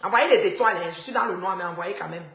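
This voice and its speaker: A woman, chatting and teasing her viewers on a phone live stream from a dark house. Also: fairly low pitch, fast talker, gravelly, echoey room. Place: house with the power cut.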